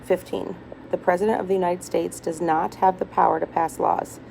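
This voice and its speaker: A woman reading multiple-choice test questions aloud item by item in a hospital room, deliberately and with small stumbles. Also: lowish voice, flat delivery, gravelly, mellow. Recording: noisy hospital room with background chatter. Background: people talking, ambient noise.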